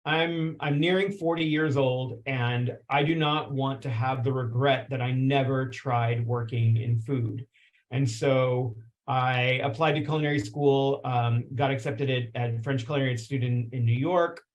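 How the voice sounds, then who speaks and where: A man in his forties from Texas, a chef, introducing himself in an earnest, halting way with many restarts. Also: mid-range voice, fairly even intonation, lo-fi sound. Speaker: chef and food writer. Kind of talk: casual personal introduction.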